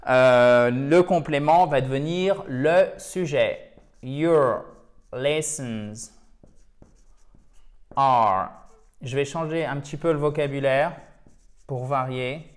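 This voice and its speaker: A man teaching English, correcting a viewer's email and drilling word stress out loud. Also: mid-range voice. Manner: thinks aloud, repeats English words slowly to drill stress.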